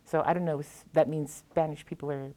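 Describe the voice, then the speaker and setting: A little fast and with fairly even intonation, a woman with a low, dark voice tells stories and reads poetry to an audience. She's an American poet from the Pacific Northwest, and her manner is reflective.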